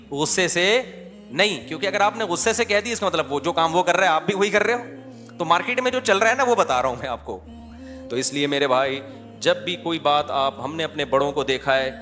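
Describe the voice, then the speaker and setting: Brief: Pakistani-accented male preacher, fairly high voice, colloquial storyteller who acts out the people he quotes, long hall reverb. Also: a bit bright. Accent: Pakistani Urdu. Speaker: Islamic preacher. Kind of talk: conversational sermon with anecdotes.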